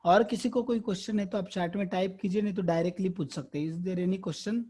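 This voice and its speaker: A man gives an online spiritual lesson in an earnest, explaining way, posing rhetorical questions as he goes. His voice sits fairly high yet sounds mellow and husky. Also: steady tone, brisk. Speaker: spiritual teacher answering questions. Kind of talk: online Q&A lecture, Hindi mixed with English. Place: online class.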